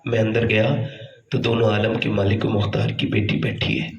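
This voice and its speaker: A man preaching a sermon as a story, fervent and rising to shouts at the high points. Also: level tone, dull audio. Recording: echoey, voice heard from afar.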